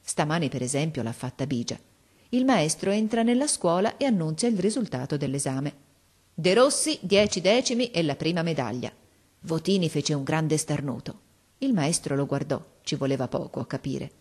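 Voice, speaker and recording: Low-voiced woman reading a classic story. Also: slightly rough. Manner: expressive, measured storytelling. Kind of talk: audiobook reading of a classic novel.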